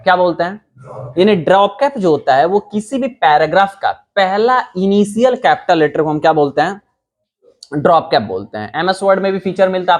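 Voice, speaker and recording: A young adult man from India teaching a computer class, explaining step by step and quizzing his students with rhetorical questions. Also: sits high. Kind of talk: classroom lesson.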